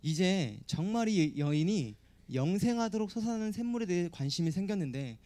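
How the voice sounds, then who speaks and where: A man's voice: sits high, sing-song, fairly quick, dark tone. A man preaching a youth sermon, explaining with everyday stories and pointed rhetorical questions.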